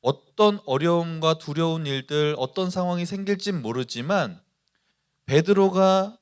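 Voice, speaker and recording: Animated Korean pastor preaching to students. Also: male voice, fairly high pitch, unhurried, smooth. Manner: animated storytelling, acting out quoted voices. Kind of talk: youth sermon.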